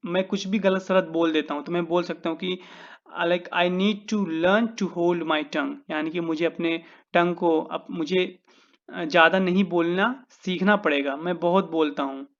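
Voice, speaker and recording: A man's voice: sits high, steady tone, moderate pace, fairly bright tone, highs cut off. A man with an Indian accent teaching English phrases in a casual lesson, drawing out his example sentences word by word and calling his viewers "guys".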